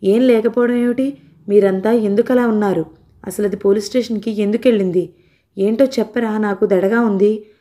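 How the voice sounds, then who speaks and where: An anxious elderly grandmother from an audio storybook, pleading with her family in a distressed, mellow, softened voice, as a woman reads her part. Her tone stays worried and imploring. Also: mid-range voice, steady tone, normal speed, lightly acted.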